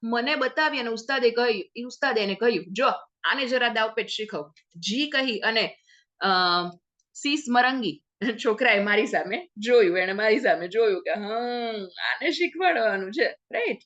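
A woman teacher reading a story aloud and explaining each phrase in simpler words, briefly acting out the characters' lines. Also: moderate pace. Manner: lively, acts out the characters' lines with sudden pitch jumps. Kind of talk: explaining a textbook lesson. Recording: dull lo-fi sound.

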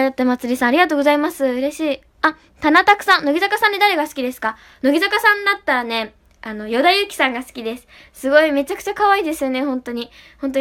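A woman livestreaming as an idol, talking fast and bubbly while reading out and answering chat comments. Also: sits high, a bit bright. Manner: bubbly, often repeats "really".

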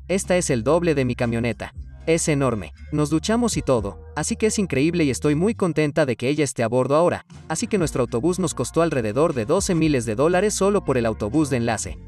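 A man's voice: a little high, darkish tone, recorded from a distance. A young man giving an upbeat, casual tour of the converted shuttle bus he lives in.

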